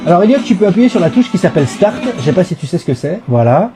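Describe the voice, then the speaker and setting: A man's voice: high voice, sing-song, fast talker, over music. A middle-aged man with a stuffy cold hosting a casual live gaming stream, chatty, playful and nostalgic. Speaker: host.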